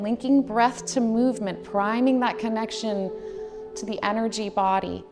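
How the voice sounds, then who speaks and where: A woman in her thirties leads a guided meditation in a reverberant space with faint music behind her. Her pitch is mid-range, and she gives soothing, measured instructions with gently drawn-out phrases. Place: indoors, decorated studio room.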